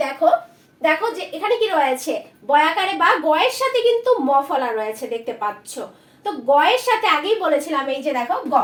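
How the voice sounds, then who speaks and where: A woman teacher giving a patient spelling lesson at a board, repeating each word slowly for her learners. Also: very high voice, fairly bright tone, echoey room.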